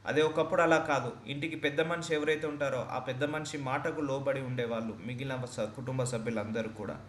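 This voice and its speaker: A man's voice: mid-range voice, fairly even intonation, brisk, reverberant, slight background noise. A man preaching a sermon as a pastor, earnest and repetitive for emphasis.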